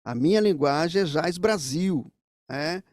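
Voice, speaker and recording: A man's voice: on the high side, lively intonation, unhurried, dry recording, studio quality. A man teaching saxophone, explaining things straight to the viewers in a music lesson.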